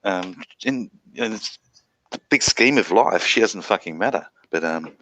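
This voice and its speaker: A panelist in a casual online chat who talks slowly and haltingly, with many fillers and curses. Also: deep voice, expressive, a bit bright, rough recording.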